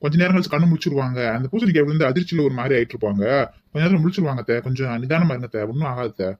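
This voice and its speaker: A woman playing a calm, soothing middle-aged man in a comic skit. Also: rumbling low, rapid-fire, dull audio, pitched below the performer's own voice. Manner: soothing, steady.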